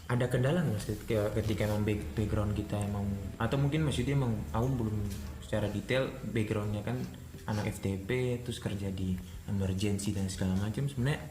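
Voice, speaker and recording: A man's voice: fairly low pitch, fairly even intonation, brisk, warm tone, echoey room. A man hosting a casual interview, asking chatty questions and laughing easily. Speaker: host. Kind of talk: casual chat.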